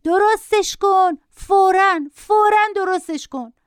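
A woman voicing a spoiled little boy who shrieks shrill demands in a storybook reading. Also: no room sound, clean studio sound. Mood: shrieking demands.

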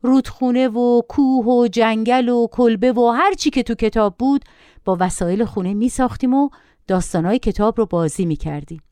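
A middle-aged woman narrating a first-person story in an expressive, lively way. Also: on the high side, clear, resonant tone, no room sound.

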